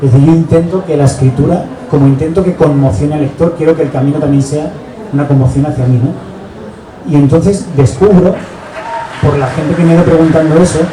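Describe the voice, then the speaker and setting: A man in his forties from Barcelona with a Spanish accent from Spain, an author presenting his book in a reflective, halting way that often tags sentences with a questioning "no". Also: fairly high pitch. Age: 40s. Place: book fair hall. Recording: echoey hall, distant mic, background noise.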